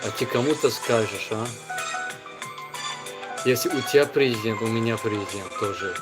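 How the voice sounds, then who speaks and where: Deep-voiced man with Tajik accent over loud music. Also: steady tone, normal speed. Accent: Tajik accent in Russian. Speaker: live stream host. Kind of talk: casual live stream banter.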